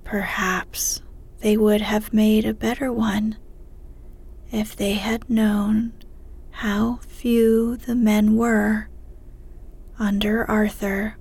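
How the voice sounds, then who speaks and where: A woman reading a story aloud in a soft, unhurried ASMR whisper. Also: medium pitch, level tone, slightly rough.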